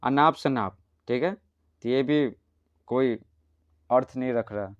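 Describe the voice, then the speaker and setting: A man with a mid-range voice teaches a primary school language lesson at a slow pace, explaining the textbook and patiently asking questions that he then answers himself. The recording has no echo, but the highs are cut off.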